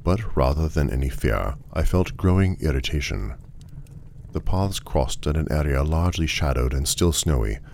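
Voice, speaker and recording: A man's voice: extremely low pitch, lively intonation, moderate pace, vocal fry, darkish tone, slight background noise. A man narrating a first-person story in a dry, wry, genteel manner.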